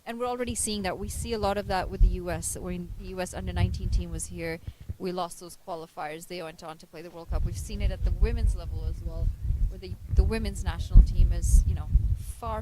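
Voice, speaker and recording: A woman giving live cricket commentary, mixing score updates with analytical talk about coaching. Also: lowish voice. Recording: commentary feed with loud background noise.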